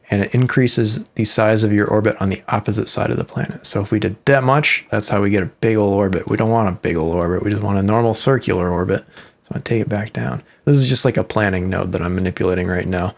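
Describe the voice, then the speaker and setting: A man with a Midwestern accent giving relaxed, rambling commentary while playing a game, explaining as he goes with frequent fillers. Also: lowish voice, vocal fry. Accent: Midwestern American. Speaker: musician and host. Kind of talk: casual gameplay commentary.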